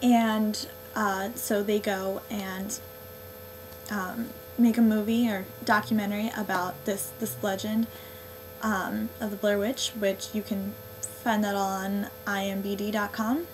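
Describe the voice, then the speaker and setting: A woman's voice: mid-range voice, little pitch movement, takes it slowly, background noise. A young woman vlogging a casual movie review, sarcastic and exasperated, filling her talk with 'um' and 'like'.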